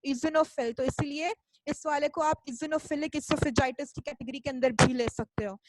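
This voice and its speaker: A woman's voice: sits high, fairly even intonation, unhurried, background noise. A woman giving a medical lecture, explaining step by step, checking in with her listeners after almost every phrase and mixing English terms into her talk. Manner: mixes English medical terms into Hindi speech; playful asides. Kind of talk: recorded lecture.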